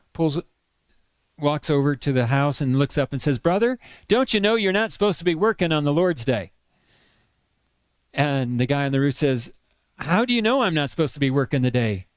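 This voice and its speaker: A man's voice: mid-range voice, no room sound. A man preaching a sermon, telling a story and acting out the lines of the people in it. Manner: animated, acts out the dialogue of his story.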